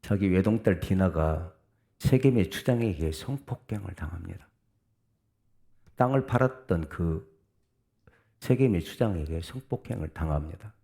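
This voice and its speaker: A middle-aged male pastor preaching a sermon, reading scripture aloud with the congregation and breaking into sudden loud outbursts. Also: low-pitched, animated, moderate pace, creaky, pauses often.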